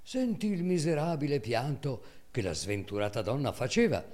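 Expressive male reader of classic prose. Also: medium pitch. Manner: expressive, measured storytelling. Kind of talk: dramatic reading of classic prose.

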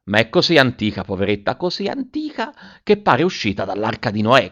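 A man reading a child's diary aloud as a story, lively and theatrical, with big swings in pitch and loudness. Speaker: audiobook reader. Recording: dull lo-fi recording.

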